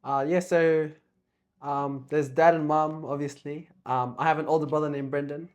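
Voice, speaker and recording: A young man from Australia, a guest in a casual chat, talking softly and hesitantly with many pauses and ums. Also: a little high, fairly even intonation, lo-fi sound.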